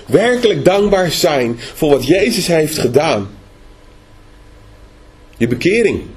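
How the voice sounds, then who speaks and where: A man's voice: high-pitched, slightly rough. A man preaching a sermon in a conversational way, often asking the listeners questions. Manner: conversational, asks rhetorical questions.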